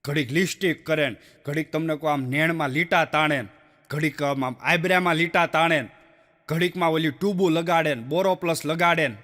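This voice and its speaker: A high-voiced, bright man tells comic stories on stage. His chatty delivery carries a long reverb from a big hall. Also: a little fast. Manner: chatty jokes with acted quotes and sung lines. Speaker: stand-up comedian. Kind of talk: Gujarati folk comedy storytelling.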